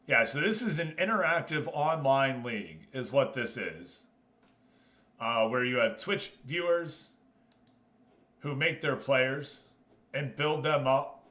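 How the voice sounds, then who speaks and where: An American livestream host chats casually with viewers while commentating on a game, hopping between talking to his audience and explaining. His mid-range voice is a bit bright, and he takes things slowly.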